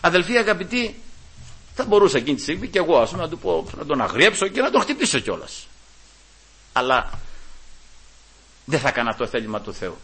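A man preaching a sermon, fervently addressing the congregation as brothers and telling personal stories, moving between quiet asides and loud, emphatic peaks. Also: on the high side, big pitch swings, long pauses, breathy edge. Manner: fervent, keeps calling out to his brothers. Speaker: Pentecostal preacher.

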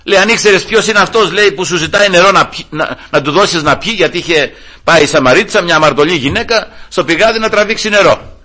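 This middle-aged man's sermon is impassioned, voicing quotations as he retells biblical scenes and shifting between emphatic high appeals and low murmuring. He has a sharp tone.

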